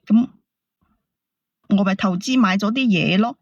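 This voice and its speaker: A woman calls into a show and defends herself in a casual argument, speaking a little slowly and sounding hesitant and evasive. The call audio is dry, dull, and low-fidelity, with no room sound.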